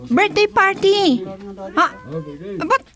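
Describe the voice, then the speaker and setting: A woman's voice: extremely high pitch, lively intonation, unhurried, fairly bright tone, exaggerated voice. A woman playing a bubbly young woman calling out at a birthday party in a radio drama. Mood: cheerful. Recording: crowd noise behind the voice. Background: party crowd.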